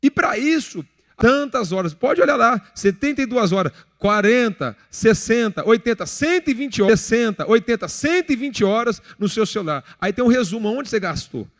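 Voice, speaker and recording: A man in his thirties with a Brazilian Portuguese accent preaches in a church hall, his extremely high voice animated but at normal speed. As pastor he keeps the sermon conversational and jokey, acting out everyday scenes, with long church reverb.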